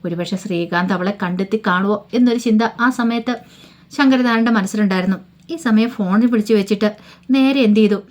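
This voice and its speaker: A woman's voice: mid-range voice, fairly quick, darkish tone. A woman casually retelling a TV serial episode, chatty, with rhetorical questions and humming fillers between sentences. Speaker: storyteller recapping a TV serial. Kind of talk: casual spoken story recap.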